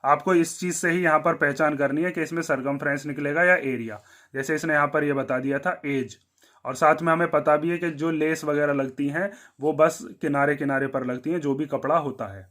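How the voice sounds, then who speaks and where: An Indian man teaching a maths lesson step by step, asking questions and answering them himself, and dropping low on the one-word answers. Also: steady tone, brisk, a bit bright.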